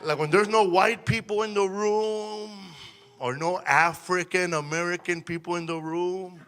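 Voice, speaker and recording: A man's voice: high voice, fairly even intonation, measured pace, a bit bright, clean tone, some chatter behind. A male comedian doing a crude stand-up bit and laughing through his jokes, in a noisy live recording.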